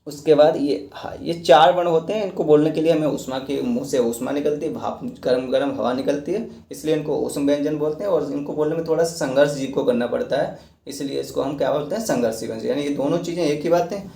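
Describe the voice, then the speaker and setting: A man's voice: on the high side, fast talker, gravelly, warm tone. A male teacher giving a lecture, explaining step by step, repeating points and asking and answering his own questions. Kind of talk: classroom lecture. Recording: echoey room.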